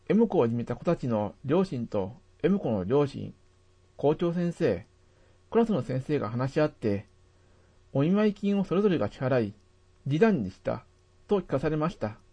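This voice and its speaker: A man narrating a first-person memory as a steady, measured scripted reading. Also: medium pitch, husky.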